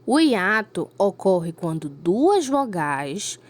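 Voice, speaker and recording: Lively woman teaching a class. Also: medium pitch, slow. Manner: patient, explains step by step with frequent check-ins. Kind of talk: recorded remote school lesson.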